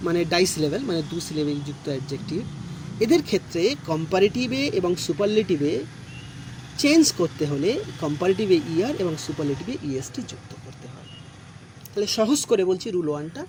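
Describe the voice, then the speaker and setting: A male teacher with a high voice delivers a recorded online grammar lesson into a close mic, his voice rising and falling with lively emphasis. He patiently explains each rule slowly and repeats every point, over a faint hiss of noise.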